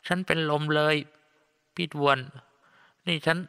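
Weepy, pleading middle-aged aunt with a crafty streak, put on by a male narrator for an audiobook; voice pitched up, washed in a long echo. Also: flat delivery, measured pace, gravelly, sharp tone, clean tone, heavily acted. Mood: tearful pleading. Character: tearful scheming woman, father's younger sister. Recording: long reverb.

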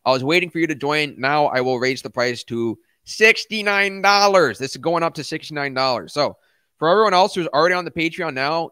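A man's voice: a little high, sharp tone, clear, resonant tone, no room sound. A middle-aged man hosting a casual livestream, speaking bluntly and emphatically with slangy asides into a close microphone. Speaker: livestream host, crypto YouTuber. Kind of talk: casual livestream rant, reading and answering chat. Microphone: close studio microphone.

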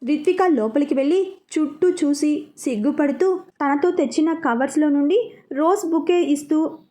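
A woman's voice: sits high, moderate pace. A woman narrating a serialized story, reading every part expressively. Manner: expressive, lively reading of all parts.

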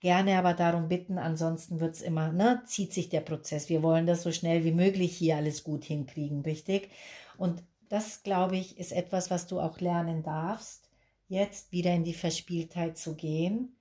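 A Peruvian-born woman in her fifties talks through a tarot reading in a lowish, mellow voice. She is chatty and reassuring and often repeats words for emphasis. She is recorded indoors at a candlelit table. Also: fairly even intonation, normal speed. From Peru. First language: Spanish. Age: 50s. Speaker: tarot reader.

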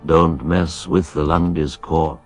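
A male text-to-speech robot voice reading viewer messages in a flat, evenly paced computer delivery. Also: extremely low pitch, slow pace, breathy edge, soft background music. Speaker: donation message reader. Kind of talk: synthetic read-out of viewer messages.

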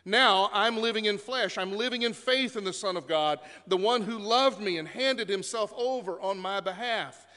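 A man's voice: high-pitched, moderate pace, hardly any pauses, pushed and bright. A man preaching a sermon as pastor in a church sanctuary, telling stories in a conversational way with occasional fillers. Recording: long reverb of a church sanctuary.

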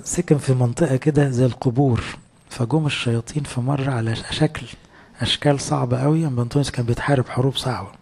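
A man's voice: mid-range voice, mellow, husky. A man with an Egyptian accent preaching a sermon in a conversational way, full of rhetorical questions. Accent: Egyptian Arabic.

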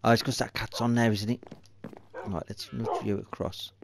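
A man's voice: mid-range voice, flat delivery, normal speed, gravelly, background noise. A man hosting a let's-play video, muttering to himself and swearing in exasperation as he plays. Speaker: gaming video host. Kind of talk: let's-play game commentary.

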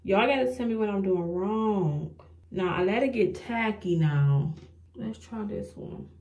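A young woman chats casually to her viewers in a get-ready-with-me beauty vlog. Her voice sits at an ordinary middle pitch. She sounds frustrated and self-mocking, and she keeps calling the viewers "y'all.". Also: expressive, unhurried, a little mellow. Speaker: beauty vlogger.

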